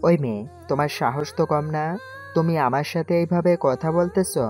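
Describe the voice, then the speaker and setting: A woman's voice: low-pitched, a little fast, darkish tone, faint music behind, lightly acted. A woman voicing a quarrelsome young male university tough in an audio story drama, talking bluntly.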